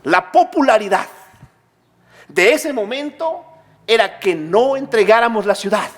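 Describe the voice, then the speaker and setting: A man preaching a sermon as pastor, asking his congregation questions and answering them himself, building to near shouts. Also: very high voice, expressive, measured pace.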